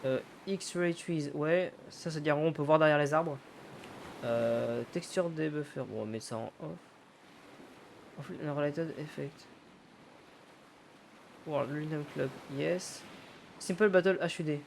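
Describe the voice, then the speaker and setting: Guy doing a chill lets play, bit higher voice, talks to himself and curses a lot, faint hiss behind. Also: takes it slowly, vocal fry, long pauses. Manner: thinks aloud, swears casually, loosely paraphrases game dialogue. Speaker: gaming YouTuber. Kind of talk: casual let's-play commentary.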